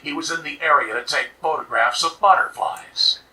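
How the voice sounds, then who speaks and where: A man giving scripted true crime narration in a steady, serious way, played back from a video. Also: on the high side, moderate pace, recorded from a distance, low-quality recording. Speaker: documentary narrator.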